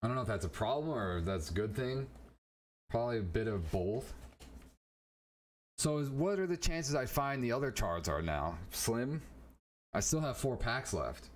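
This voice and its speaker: A man streaming live as he opens trading card packs, chatting casually and getting excitable as he talks to a viewer by name. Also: mid-range voice, moderate pace, long pauses, a little hiss or hum.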